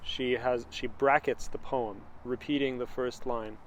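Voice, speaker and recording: A man speaking at an average pitch in an unhurried scholarly conversation. He keeps his remarks short and supportive. Light traffic noise sits faintly behind him. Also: fairly even intonation, poor audio. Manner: brief supportive interjections. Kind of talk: conversational discussion.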